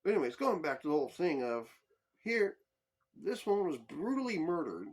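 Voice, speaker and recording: A man's voice: on the high side, very animated, brisk. A man hosting a podcast, delivering a heated, profane political commentary monologue. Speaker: podcast host.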